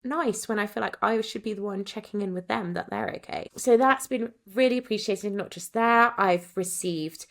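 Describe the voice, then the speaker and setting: A woman's voice: medium pitch, normal speed, creaky, hardly any pauses. A woman in her thirties hosting a solo podcast, talking chattily and self-deprecatingly and laughing often as she gets emotional. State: getting emotional. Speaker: podcast host.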